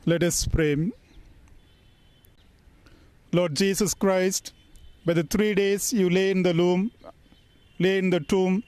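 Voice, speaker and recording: A man speaking as a priest, reading solemn graveside prayers in a measured, deliberate way with pauses between phrases. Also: sits high, darkish tone, no room sound. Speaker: priest leading a funeral burial service. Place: funeral service in New Delhi.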